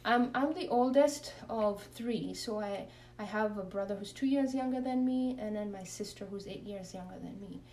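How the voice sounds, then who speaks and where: In an interview, a woman religious from Kenya reflects earnestly on her faith journey and leads a prayer. She talks at a normal speed with few pauses, in a medium-pitched, darkish voice picked up a bit far from the mic.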